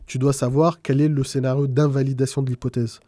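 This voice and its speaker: A man's voice: mid-range voice, level tone, brisk, warm tone, no echo, studio quality. A man from France, a guest in a casual interview, explaining things through examples with frequent restarts. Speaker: guest trader.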